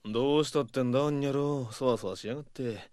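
An actor playing a rough, brash but caring young man in an audio drama, with blunt, slangy speech. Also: medium pitch, quick pace, darkish tone, faint music behind, lightly acted. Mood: grumbling. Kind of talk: Japanese audio drama acting.

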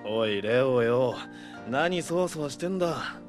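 An actor playing a rough, brash but caring young man in an audio drama, with blunt, slangy speech. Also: medium pitch, lively intonation, unhurried, music in the background, natural voice. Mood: grumbling. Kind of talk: Japanese audio drama acting.

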